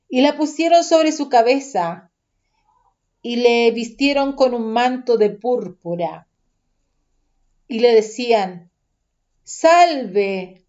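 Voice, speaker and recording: A woman reading scripture aloud, calm, deliberate and even. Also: fairly high pitch, muffled recording. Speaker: Bible reader.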